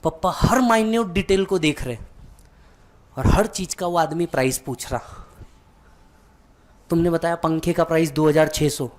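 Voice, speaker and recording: A man's voice: a little high, moderate pace, long pauses. A man who teaches exam students, telling a vivid motivational story and speaking directly to the listener.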